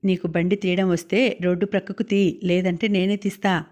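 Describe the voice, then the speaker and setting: A woman's voice: lowish voice, little pitch movement, normal speed, a little mellow, close to an everyday voice. A woman voicing a stern, scolding male traffic policeman, in an audiobook.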